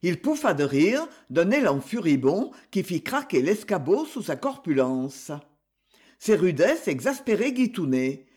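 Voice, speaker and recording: A man narrates a classic novel in a measured, expressive way. His voice sits high and swings widely in pitch. He reads slowly and takes his time over every phrase. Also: slightly rough. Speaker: audiobook reader. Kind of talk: literary narration.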